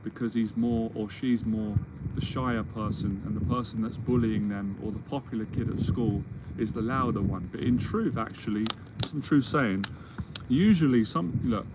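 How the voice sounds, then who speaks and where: Casting: man, 40s, mentor type, rambling reassuring monologue, mid pitch, audible background noise. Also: normal speed. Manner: rambling, restarts often, reassuring. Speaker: confidence mentor. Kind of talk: solo Q&A monologue. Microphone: livestream or video call setup.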